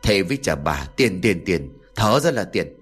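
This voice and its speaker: A man's voice: low-pitched, big pitch swings, moderate pace, breathy edge, faint music behind, voice pushed down, exaggerated voice. A man voicing an anxious, scolding middle-aged village mother in a spoken ghost story. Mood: indignant.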